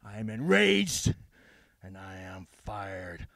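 A man cutting an intense wrestling promo, dropping to low whispers and rising to shouts. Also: sing-song, slow pace, vocal fry, no echo. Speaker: pro wrestler.

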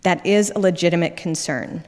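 A woman giving a public lecture on a wireless microphone, talking quickly and conversationally with asides and restarts. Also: on the low side, darkish tone. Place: lecture hall. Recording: reverberant hall.

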